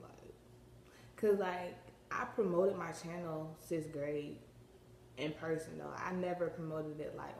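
A woman's voice: low-pitched, vocal fry, roomy sound, slight background noise. A teenage girl vlogging casually, rambling in slang with lots of filler words and a slight lisp from a retainer. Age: teens. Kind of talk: casual vlog chat.

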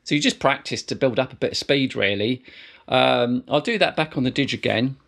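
A middle-aged man teaching didgeridoo techniques in a relaxed, rambling way, full of fillers and restarts. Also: mid-range voice, fairly quick, vocal fry. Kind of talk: casual instructional explanation.

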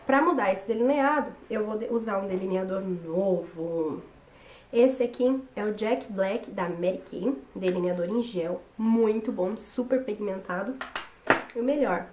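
Casual tutorial host: young woman, voice hoarse from a cold, recorded in a roomy bedroom with faint noise. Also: mid-range voice, a little mellow. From Brazil. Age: young adult. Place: small bedroom, indoors. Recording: roomy echo with background noise.

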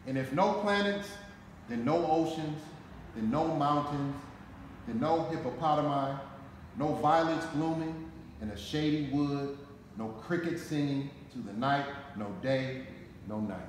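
Inside a concrete-floored fire station garage, an American-accented firefighter from Detroit, in his forties, reads a children's picture book slowly and theatrically, leaning hard on key words. His voice is on the high side. A nearby camera captures the echoey room along with noticeable background noise.

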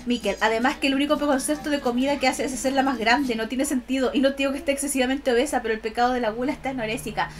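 High, cutesy Chilean e-girl streamer. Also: racing, hardly any pauses. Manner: giggly, expressive, affectionate. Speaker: VTuber art streamer. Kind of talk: casual livestream chat, reading and answering viewers' comments. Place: indoors at a computer. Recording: music behind the voice.

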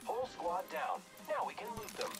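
An actor voicing a cheerful, lively video game hero making animated combat callouts. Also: male voice, extremely high pitch, normal speed, gravelly, exaggerated voice. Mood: upbeat. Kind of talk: video game character voice lines. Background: loud game music and effects.

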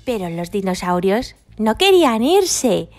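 A woman, a children's toy channel host, telling a story and showing toys in a bright way aimed at kids. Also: mid-range voice, sing-song, unhurried, faint music behind.

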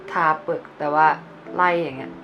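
A young woman with a low voice talks her way through an everyday makeup tutorial. She is chatty and playful, explaining each step as she goes. Music plays clearly behind her. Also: steady tone, fairly quick, muffled recording. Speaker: beauty vlogger. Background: background music.

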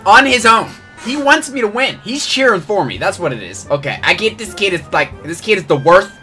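A man's voice: sits high, fairly quick, soft background music. A man hosting his gaming channel, giving jokey live commentary on his own match and yelping at every bad play. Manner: excitable, jokey, groans and yelps at plays.

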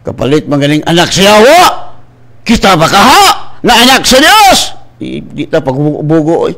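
A man with a Cebuano accent, a pastor preaching and praying on the radio, mixing in English phrases and breaking into sudden high shouted bursts. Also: huge pitch swings, normal speed. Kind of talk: radio sermon and prayer. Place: radio studio.

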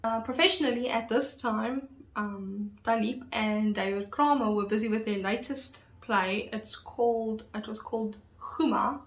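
A woman's voice: a little high, a little slow, hardly any pauses. A woman telling a true crime story in a casual, chatty way, full of fillers and asides. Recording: roomy echo.

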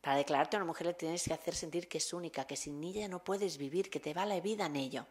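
A woman voicing a calm middle-aged male teacher facing death, speaking softly and tenderly. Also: sits low, fast, lightly acted.

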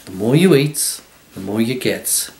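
An older man voicing a rough, good-natured sailor who talks in plain slangy speech. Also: mid-range voice, lively intonation, unhurried, a little mellow, echoey room. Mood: boastful. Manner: rough colloquial talk.

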